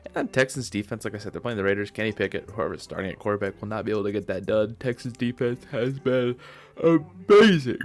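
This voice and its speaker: A man's voice: on the low side, fairly even intonation, rapid-fire. Tired, rambling young-sounding man talking sports. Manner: offhand, rambling, self-correcting, yawns while talking. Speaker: sports video host. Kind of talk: casual solo sports predictions.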